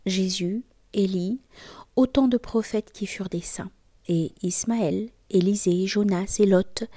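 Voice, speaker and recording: Soft-spoken woman in whispered scripture reading. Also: mid-range voice, dry recording, clean studio sound. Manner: soft, measured, often whispered. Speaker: scripture reader.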